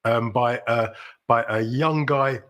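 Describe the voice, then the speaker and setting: A man's voice: medium pitch, takes it slowly, a bit bright. A middle-aged man from South London with a London accent, hosting a casual livestream in a chatty, rambling way with sudden upbeat exclamations. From South London, England. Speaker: livestream host.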